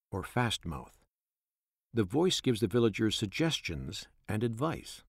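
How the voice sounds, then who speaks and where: A man narrating his own memoir in the first person, measured and reflective. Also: low voice, dry recording, clean studio sound.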